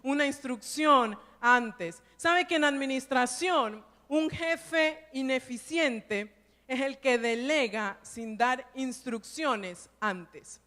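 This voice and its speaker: A woman pastor delivers a Sunday sermon in a storytelling way, often tossing rhetorical questions back to her listeners. Her voice is high-pitched and carries a long, ringing church reverb. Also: slow pace, a bit bright.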